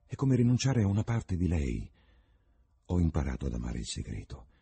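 Man voicing a painter, earnest and secretive, dark husky low voice. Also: big pitch swings, moderate pace, full character voice. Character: earnest young male painter, troubled and secretive.

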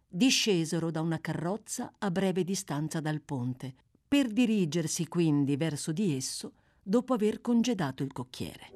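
A woman reading a classic novel aloud with expressive, dramatic narration. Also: lowish voice. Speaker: audiobook reader. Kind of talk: literary audiobook narration.

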